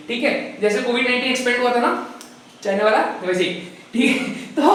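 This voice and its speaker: A man teaching a recorded lesson from handwritten notes. He talks fast, says so himself, mixes in English, slows down to read definitions, and keeps checking in with the class. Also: very high-pitched, bright, forceful tone. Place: room with board, writing notes. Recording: very echoey room, voice far from the mic.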